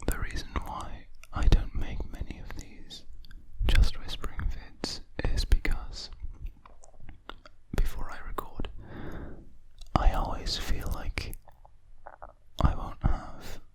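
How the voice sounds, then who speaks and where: A person whispering breathily in ASMR style, very close to the microphone with audible mouth sounds, rambling in an unhurried way. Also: poor audio. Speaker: ASMR video creator. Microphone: very close to a studio USB microphone.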